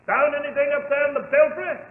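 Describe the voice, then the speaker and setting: Doctor Watson, high-voiced blustering British gentleman. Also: a little fast. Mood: urgent. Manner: blustering, puzzled. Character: fussy, bluff English doctor, detective's loyal companion. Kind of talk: 1940s radio acting. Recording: tinny, noisy 1940s radio recording.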